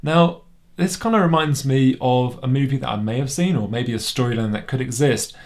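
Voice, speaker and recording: A man's voice: medium pitch, moderate pace, darkish tone. A man with a British accent giving a casual, sceptical toy review at home. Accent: British English. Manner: sceptical, wry and conversational.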